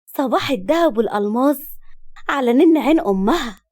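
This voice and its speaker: A woman's voice: high voice, lively intonation, very fast, warm tone. A woman voicing a doting middle-aged mother with an Egyptian accent, who speaks fondly and teasingly. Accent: Egyptian Arabic. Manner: fond teasing.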